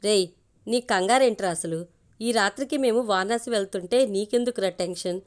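A woman's voice: medium pitch, moderate pace, natural voice. A woman voicing a young man who questions his friend in surprise and exasperation, in a storybook reading. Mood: exasperated.

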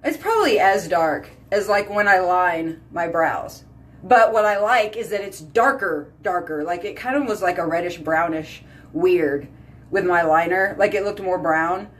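With a lowish voice and a slightly slow delivery, this woman in her thirties is a beauty vlogger talking to camera from a small bedroom or bathroom at home. She films on a phone at arm's length, chatty and animated, full of "like" and "y'all."

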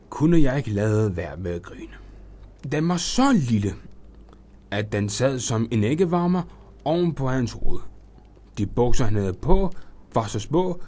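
A male storyteller reads a children's Christmas tale in the first person, with a mid-pitched voice. His intonation swings widely and his reading stays expressive. He is recorded in a studio.

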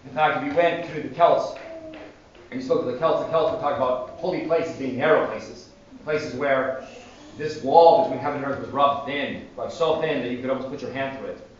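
Fast-talking priest in an echoey church. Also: male voice, medium pitch, slight background noise. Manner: animated storytelling. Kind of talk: sermon. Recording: distant echoey church, dull sound.

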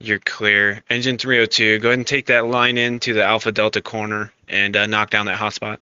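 Sharp, forceful man commanding over radio. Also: lowish voice, flat delivery, a little fast. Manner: directive, procedural. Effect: two-way radio. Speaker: fire scene incident commander. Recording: dull lo-fi radio, faint static.

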